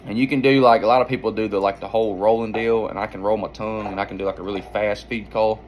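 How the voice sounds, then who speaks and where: A man's voice: lowish voice, fairly even intonation, fast, highs cut off, a little hiss or hum. A man giving an informal hands-on lesson as a hunting instructor, explaining in a folksy, rambling way. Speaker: duck-calling instructor and hunter.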